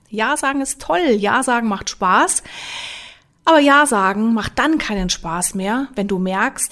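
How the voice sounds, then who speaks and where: Lively woman coaching the listener. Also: medium pitch. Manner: lively, speaks straight to the listener with rhetorical questions. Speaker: self-help coach and trainer. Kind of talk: motivational self-help talk.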